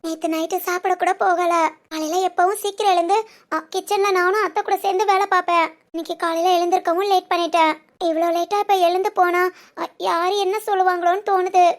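Young newlywed wife, timid and teary, very high voice, halting delivery. Woman to act. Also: steady tone. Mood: worried, hesitant. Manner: hesitant, tearful, soft-spoken. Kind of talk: romantic audio drama.

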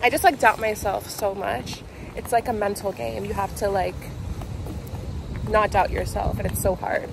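Gushing and bubbly, a young woman vlogs casually into a handheld camera inside her car and in shops, full of fillers like "like" and "obsessed." She speaks at normal speed in a steady, gravelly mid-range voice, recorded in an echoey space with faint ambient noise.

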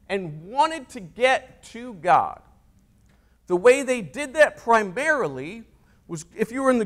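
High-voiced male pastor preaching conversationally. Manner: conversational, acts out quoted voices with sudden loud bursts. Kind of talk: sermon. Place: church sanctuary.

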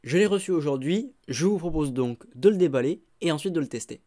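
A man's voice: on the high side, a little fast. A man chatting casually and joking at his own expense as he unboxes a microphone, recorded on a phone indoors. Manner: relaxed, chatty, self-mocking. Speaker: tech unboxing vlogger.

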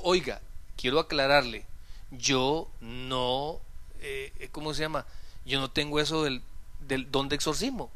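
A man's voice: a little high, fairly bright tone. A male pastor preaching a sermon in a church, telling humorous stories and acting out the dialogue. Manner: humorous storytelling, acts out dialogue. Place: church sanctuary.

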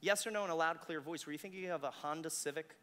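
Intense stage mind reader man, high bright voice. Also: quick pace, clear, resonant tone. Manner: intense, commanding mind-reader patter, giving instructions. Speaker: stage mentalist performing to an audience. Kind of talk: live mind-reading stage show. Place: large hall with audience, on a microphone. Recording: echoey hall, long reverb on stage microphone.

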